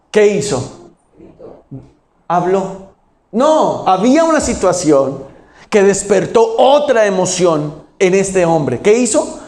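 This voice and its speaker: A man preaching a sermon as pastor, telling stories and acting out Bible quotes with sudden high, loud bursts. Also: reverberant.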